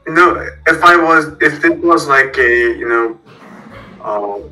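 A man's voice: on the high side, expressive, takes it slowly, pushed and bright, faint music behind, rough recording. A young man on a video chat, hesitant and reasoning his way through each sentence. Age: young adult.

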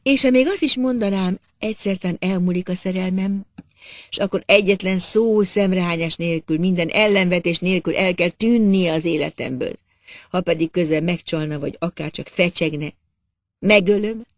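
A man voicing a mysterious young masked woman who speaks with intense, commanding slowness in a storybook reading. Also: high-pitched, no room sound, clean studio sound. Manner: intense, commanding, slow deliberate threats.

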